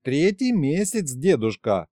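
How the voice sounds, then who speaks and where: Snezhina, a sulky young snow maiden, as a male reader puts her on, drawling her words in a raised, pleading tone. The voice swings widely in pitch, keeping a warm, mellow timbre. It is recorded close and dry, with no room sound. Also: big pitch swings, slow, no echo, heavily acted. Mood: whiny pleading. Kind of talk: audiobook character voice.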